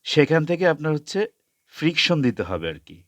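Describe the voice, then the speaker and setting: A man teaching English pronunciation, spelling out sounds slowly and repeating each word several times. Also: a little high, very animated, fairly bright tone, dry recording, studio quality. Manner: mixes Bengali explanation with English words. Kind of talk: slow spoken lesson, spelling out sounds.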